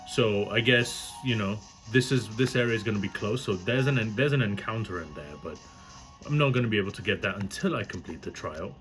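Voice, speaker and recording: A man's voice: fairly low pitch, brisk, a bit bright, poor audio. A man giving casual, self-deprecating let's play commentary, swearing freely. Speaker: gaming YouTuber. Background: game music.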